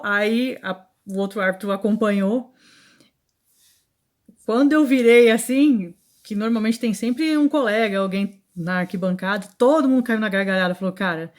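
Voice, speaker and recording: A woman who referees handball tells stories from her matches during an interview. She talks in a lively, rambling way, restarting sentences and adding asides as she goes. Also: mid-range voice. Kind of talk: interview anecdote.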